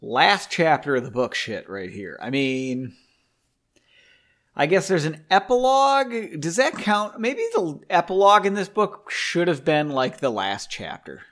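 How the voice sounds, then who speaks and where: A man's voice: on the high side, sing-song, unhurried, fairly bright tone. A young man who hosts a podcast, reading a novel aloud and breaking off to comment in a loose, joking, self-deprecating way, with casual swearing.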